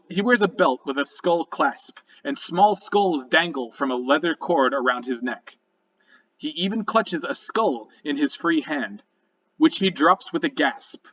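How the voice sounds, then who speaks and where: A man working as game master, narrating a dark tabletop adventure in an ominous, deliberate storytelling manner. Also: a little high, distant mic, muffled recording.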